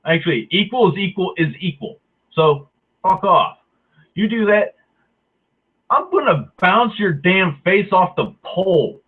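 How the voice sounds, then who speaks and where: A man rants with heat, sarcasm and plenty of swearing, his voice sitting fairly high for a man. The sound is thin and tinny, as if it came through a phone line. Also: lively intonation, unhurried, husky. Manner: heated, profane, sarcastic. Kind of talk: angry ranting monologue.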